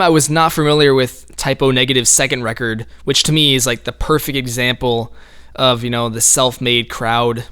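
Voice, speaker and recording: A man's voice: mid-range voice, a bit bright, smooth. A man talking through his own album in casual solo commentary, laid-back and rambling, with frequent light laughs.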